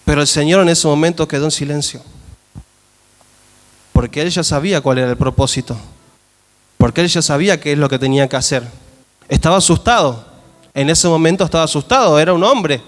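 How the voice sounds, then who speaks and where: A man's voice: fairly high pitch, fairly quick, pauses often. A man pastor with a Rioplatense Spanish accent, preaching an emphatic sermon and asking the congregation questions in a church hall. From Argentina. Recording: long church-hall reverb.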